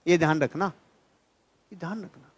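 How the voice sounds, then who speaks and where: A motivational speaker, male, with a husky voice pitched fairly high, preaches to an audience at a moderate pace. His manner is emphatic and admonishing, and he repeats phrases for effect.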